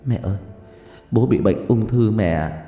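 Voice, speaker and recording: A man's voice: on the low side, unhurried, dark tone. A man voicing a grieving young daughter who pleads with her mother through tears, raising his voice for her, with echo and faint music behind. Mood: pleading, tearful. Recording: echoey reverb with faint music.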